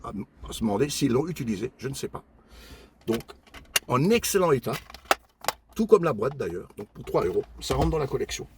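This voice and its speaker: An older man in a casual show-and-tell vlog, calmly listing his flea-market finds one by one with many pauses and fillers, and chatting warmly with his viewers. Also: mid-range voice, a little hiss or hum. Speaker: flea-market collector vlogger.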